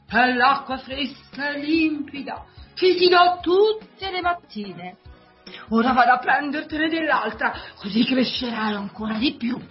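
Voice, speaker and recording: A woman's voice: sits high, animated, a little slow, dull audio, soft background music. An actress playing a fussy, doting elderly aunt who gushes over her plant and then scolds furiously. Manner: gushing, exclaiming, then scolding.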